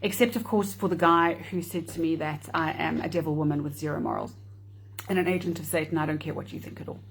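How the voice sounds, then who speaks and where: A woman's voice: low voice, steady tone, fast, a little hiss or hum. A woman hosting a live video talk, chatting and explaining with wry asides. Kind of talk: casual talk to camera.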